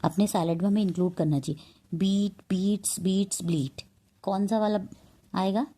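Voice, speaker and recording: A woman's voice: medium pitch, fairly even intonation, moderate pace, warm tone. A woman teacher with an Indian English accent, teaching a vocabulary lesson in a mix of Hindi and English and spelling words out letter by letter.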